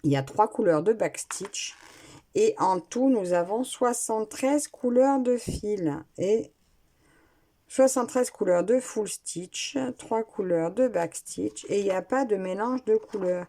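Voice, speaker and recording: A woman's voice: medium pitch, lively intonation, unhurried, warm tone. A woman chatting casually while unboxing a craft kit at home, talking with hesitations and restarts into a nearby camera mic. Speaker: craft vlogger. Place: at home, indoors.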